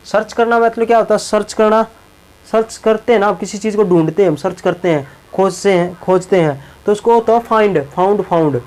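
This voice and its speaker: A man's voice: sits high, brisk, darkish tone, rough recording. A male teacher explaining English verb forms in Hindi, often repeating words and checking in with the class. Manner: repeats words and tags lines with a check-in phrase.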